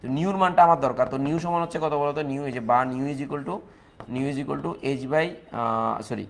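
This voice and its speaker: A man's voice: a little high, brisk, vocal fry, a little hiss or hum. A man with a Bangladeshi Bengali accent teaching chemistry in a live online class. He works through calculations step by step, repeats key points, and answers viewers' comments.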